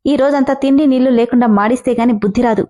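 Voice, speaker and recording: A woman's voice: high-pitched, rapid-fire, dark tone, close to an everyday voice. A woman voicing a stern, hot-tempered father. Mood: angry. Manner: harsh scolding.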